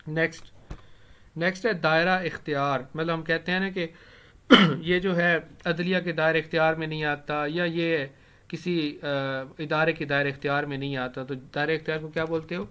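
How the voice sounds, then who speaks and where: A man's voice: a little high, little pitch movement, pushed and bright, clear, resonant tone. Man teaching with keyboard clicks. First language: Urdu. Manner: repeats key words slowly while typing them. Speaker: English vocabulary teacher. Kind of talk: recorded lesson, typing while explaining.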